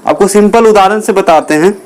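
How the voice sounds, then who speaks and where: A man's voice: high voice, moderate pace, darkish tone. A man teaching a chemistry class, who asks the class questions, answers them himself and repeats the key terms. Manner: calls listeners children. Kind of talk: classroom lecture.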